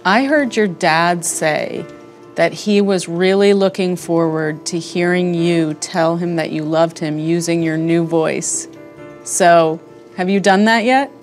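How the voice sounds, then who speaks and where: A woman's voice: fairly low pitch, slow pace, faint music behind. A woman reporter who interviews and explains in a friendly way and laughs easily.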